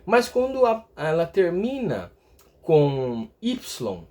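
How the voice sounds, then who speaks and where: A man teaches English grammar in a video lesson, speaking slowly in a fairly high, darkish voice whose pitch swoops wildly. He explains step by step, often pausing to check in with viewers and tagging phrases with "tá?".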